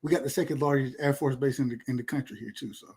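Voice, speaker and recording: A man's voice: mid-range voice, fairly even intonation, fast, a little mellow, husky. A man, rambling and boasting in casual podcast chat. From Georgia, USA. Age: 30s. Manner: laid-back, boastful, rambling with repeats. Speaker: podcast host.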